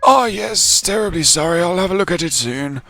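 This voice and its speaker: Man doing a fussy, gravelly, courteous village mayor. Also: high-pitched, animated, normal speed, sharp tone, exaggerated voice. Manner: formal, courteous, put-on British phrasing. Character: polite fussy village mayor, apologetic and old-fashioned. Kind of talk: reading game dialogue aloud. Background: faint game music.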